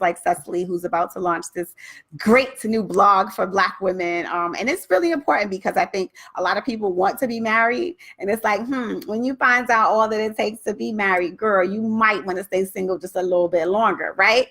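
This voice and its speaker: Husky Brooklyn woman coaching live. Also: mid-range voice, a bit bright. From Brooklyn, New York. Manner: chatty, informal, addresses viewers directly. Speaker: writing coach hosting a live session. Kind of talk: casual live coaching talk to viewers.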